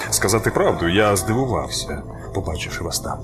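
An actor playing a kind male doctor in a radio play, speaking in a gentle, earnest, polite way. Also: low-pitched, expressive, brisk, over loud music.

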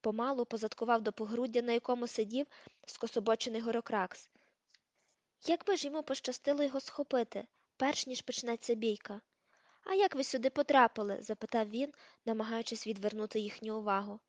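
A woman's voice: on the high side, steady tone, a little fast, darkish tone, no room sound. A woman narrating an audiobook steadily, reading the page numbers aloud. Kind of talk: scripted narration.

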